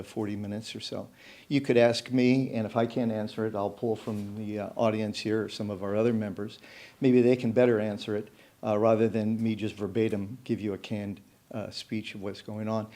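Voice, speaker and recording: A man speaking off the cuff at a city commission meeting, halting and filling pauses with "uh" as he pitches a collaborative plan. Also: warm tone. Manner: halting, many fillers and restarts. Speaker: club representative at public meeting. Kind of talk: unscripted public comment.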